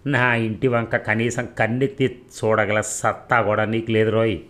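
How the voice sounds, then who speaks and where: Angry middle-aged gang boss, shouting and abusive, read by a male narrator. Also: on the low side, little pitch movement, moderate pace, natural voice. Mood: furious.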